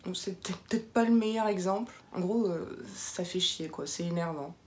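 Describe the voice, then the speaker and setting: A woman's voice: on the low side, normal speed. A young woman from southwest France, with a light southwestern French accent, chatting playfully to camera as a vlogger. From southwest France (Béarn). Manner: chatty, playful, lively asides. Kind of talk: casual chat to camera.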